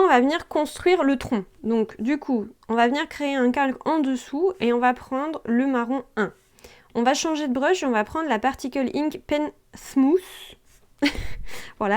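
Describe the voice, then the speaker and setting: A woman's voice: high-pitched, a little mellow. A young woman, hosting a screen-recorded drawing tutorial and speaking to the viewer in a chatty, informal way, often checking in as she goes.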